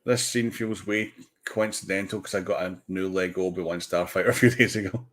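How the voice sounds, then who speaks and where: A man hosting a casual livestream watch party, excitable, swearing casually and restarting his sentences. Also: low-pitched, brisk. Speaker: livestream host.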